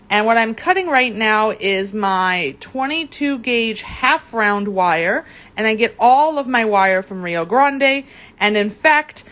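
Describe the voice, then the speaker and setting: A young woman from Germany, her voice on the high side with a fairly bright tone, hosts a live craft demo at an indoor craft table. The chat is casual and talkative; she welcomes viewers by name and stumbles on words often.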